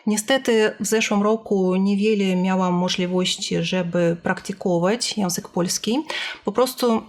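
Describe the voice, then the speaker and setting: A woman speaking carefully and hesitantly in a language she has learned, pausing to search for words in a personal vlog about her language learning. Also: mid-range voice, steady tone. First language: not Polish or Armenian, both learned languages.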